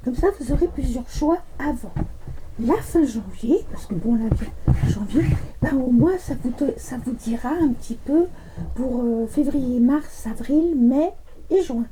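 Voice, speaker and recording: A woman's voice: high-pitched, expressive, measured pace, background noise. A middle-aged woman doing a casual, rambling card reading, chatting with fillers and laughs and coughing now and then. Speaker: card reader. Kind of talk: casual tarot reading chat.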